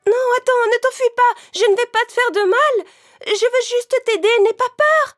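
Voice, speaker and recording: A woman's voice: extremely high pitch, moderate pace, over music, pitched above the performer's own voice. A woman voicing a sweet, easily frightened little girl in a children's cartoon tale, with a pleading, earnest, childlike way of talking. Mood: gentle, pleading. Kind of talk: children's cartoon storybook acting.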